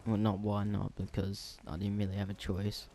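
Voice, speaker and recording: A man's voice: lowish voice, monotone, normal speed, creaky, very noisy. A teenage Australian guy telling a story from his own life in a casual vlog, rambling along with lots of ums and restarts. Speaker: storyteller vlogger.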